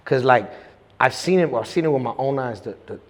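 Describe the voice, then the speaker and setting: A young man's medium-pitched voice, animated and fairly quick, trails a long reverb as he tells his story as a guest in a relaxed interview. He keeps restarting, leans on slang, and peppers it with "you know what I'm saying."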